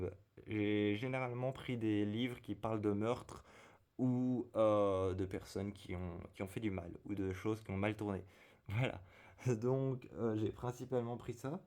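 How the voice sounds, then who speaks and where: A man talks casually to his viewers as a video creator. His voice sits fairly low and sounds sickly and strained, zombie-like, as with a lung ailment. He goes along haltingly, often hesitating to find the next word. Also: a little mellow. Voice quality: strained, unwell zombie-like voice, not his usual one. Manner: halting, apologetic, hesitant, searching for words. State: ailing voice from a lung problem. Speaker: video creator and fanfiction writer presenting to camera. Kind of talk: casual vlog chat.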